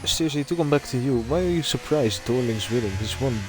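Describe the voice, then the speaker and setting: A man's voice: medium pitch, lively intonation, a little fast, over music. A man casually commentating a live sim racing stream and chatting with viewers. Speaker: race commentator.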